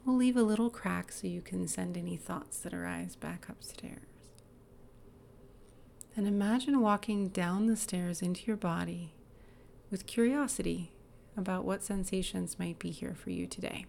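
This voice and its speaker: A woman leading a guided body-awareness exercise in a calm, gentle, inviting manner, sometimes dropping to a soft whisper. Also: lowish voice, moderate pace, gravelly, a little hiss or hum.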